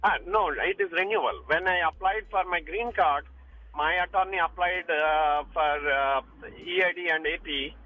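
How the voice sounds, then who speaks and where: A man's voice: fairly high pitch, dry recording, soft background music. Man, caller, car speakerphone, driving in rain, hesitant restarts, muffled phone sound. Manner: hesitant, halting, many restarts. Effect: calling from a moving car on speakerphone. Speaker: caller to a radio advice show. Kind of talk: phone-in question.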